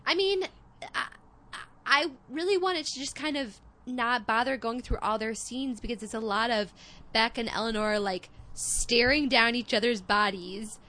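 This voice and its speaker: A young woman with a Midwestern accent, co-hosting a show and recapping an episode in casual, wry, animated chat. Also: a little high, normal speed. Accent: Midwestern American. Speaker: podcast co-host.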